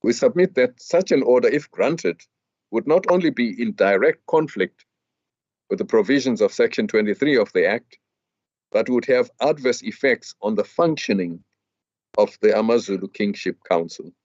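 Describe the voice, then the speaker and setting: A man arguing a legal point before a judge, formal and measured, with some hesitant fillers and restarts. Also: medium pitch, expressive, darkish tone, no room sound. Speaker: advocate arguing in court. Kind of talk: legal argument. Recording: dull lo-fi dry hearing audio.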